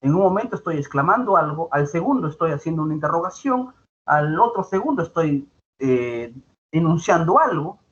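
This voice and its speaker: A man's voice: fairly high pitch, lively intonation, moderate pace, a bit bright. A male teacher giving an online grammar lesson, explaining patiently and repeating his points with tag questions. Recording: dull lo-fi sound with faint background noise.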